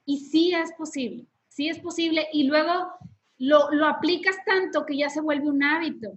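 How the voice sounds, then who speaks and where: The recording is muffled, and the woman speaks in a high voice with fairly even intonation at a moderate pace. She hosts a casual faith podcast, teaching through steps and regularly using tag questions.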